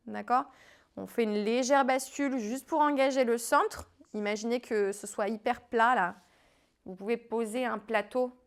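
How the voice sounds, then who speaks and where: A woman with a French accent coaching a home core workout, calmly cueing breath and movement and now and then stumbling over a word. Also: on the high side. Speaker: fitness coach. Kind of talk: guided home workout instruction. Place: home living room.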